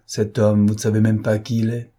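A curt, imperious emperor who gives short commands, read by a male audiobook narrator. His tone is husky and mellow and stays close to the reader's own voice. The lines are brief and clipped. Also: medium pitch, normal speed, close to an everyday voice. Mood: stern. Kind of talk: audiobook character reading.

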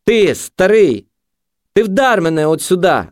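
Male reader voicing a young street junkie, shrill and mocking, yelled taunts. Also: very animated, slow pace, no room sound, clean studio sound, full character voice. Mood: taunting.

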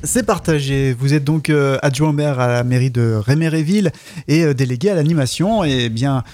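A man's voice: mid-range voice, normal speed, darkish tone. A man hosting a local radio interview.

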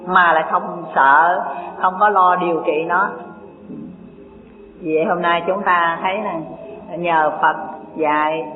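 A Buddhist dharma teacher gives an unhurried sermon, asking rhetorical questions and reading scripture aloud. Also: medium pitch, steady tone. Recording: echoey hall, tinny lo-fi line, faint music.

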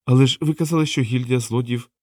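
A man's voice: medium pitch, quick pace, a little mellow, no echo, studio quality, lightly acted. A man voicing a skeptical young woman in the city watch, asking questions. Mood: doubtful. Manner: questioning, doubtful.

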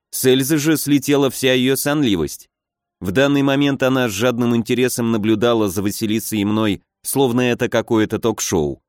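A man's voice: medium pitch, a little mellow, dry recording. Dry, close male audiobook narrator. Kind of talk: first-person scripted narration.

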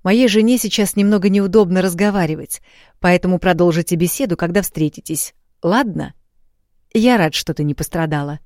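A tender, lovestruck young prince who murmurs softly, as a woman narrator puts him on. The voice sits low, with dark, mellow tones, and it is recorded close and dry. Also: normal speed, dry recording, lightly acted. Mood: brisk.

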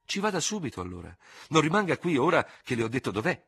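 A man reading an audiobook aloud and voicing a young, sharp-tongued, impatient chambermaid in a raised, snappish voice. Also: on the high side, very animated, fast, creaky, husky, dry recording, clean studio sound, pitched above the performer's own voice, exaggerated voice. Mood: exasperated.

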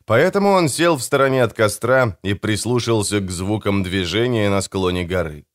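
Male audiobook narrator, steady measured delivery, grim fantasy. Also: on the low side, no room sound, clean studio sound. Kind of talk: scripted narration.

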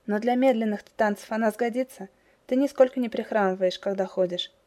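A woman's voice: on the high side, fairly quick, darkish tone, natural voice. A woman voicing an earnest, courteous young village man who is courting a girl. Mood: eager. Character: young male villager, frank and eager suitor.

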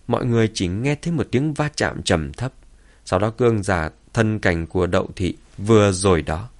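Male narrator for a martial arts audiobook; low, steady delivery. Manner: steady storytelling.

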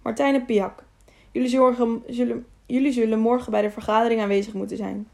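A woman's voice: on the high side, little pitch movement, brisk, creaky, mellow. A woman reading the part of a stern, honest older male councillor who speaks firmly and with authority. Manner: firm, commanding.

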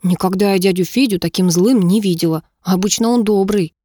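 A woman voicing a timid, gentle teenage girl who talks hesitantly and softly, in a dry recording. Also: mid-range voice, fairly quick, dry recording, natural voice.

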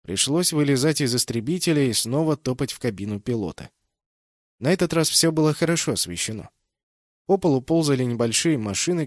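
A man's voice: medium pitch, no echo. Man narrating fiction, very dry recording. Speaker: audiobook narrator. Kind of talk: scripted first-person fiction narration.

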